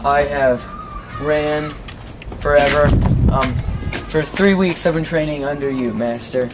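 A man's voice: fairly high pitch, steady tone, unhurried, natural voice. A man playing an eager, gullible young pupil in an amateur comedy skit, whining and protesting at his trainers, recorded outdoors in snow. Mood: whiny. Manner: whiny, protesting, easily fooled. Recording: loud outdoor background noise.

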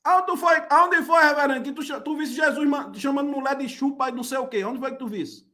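A man's voice: very high voice, a little fast, sharp tone. A man giving mocking, incredulous live reaction commentary, repeating phrases back.

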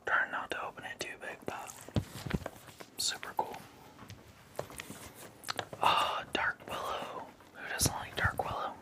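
An ASMR creator in his thirties whispers close to the mic in a small living room at home, chatting casually and enthusiastically like a fan while showing off a collection. He speaks slowly, leaving long pauses.

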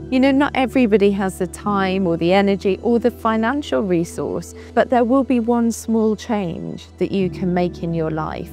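A female doctor in her forties giving advice in an interview, earnest and reassuring. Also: mid-range voice. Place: bright office with large windows. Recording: soft music underneath.

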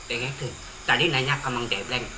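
A man voicing a cheeky young village lad in a puppet comedy, teasing and bantering back quickly. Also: mid-range voice, background noise, natural voice. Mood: joking. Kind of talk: Sundanese puppet-show comedy. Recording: echoey room, faint ambience.

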